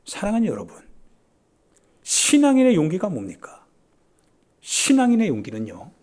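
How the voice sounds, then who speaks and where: Man, pastor, sermon, lively swooping delivery, acts out quoted voices. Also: fairly high pitch, vocal fry, slightly rough. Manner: dramatic, swings from loud exclamations to hushed whispers.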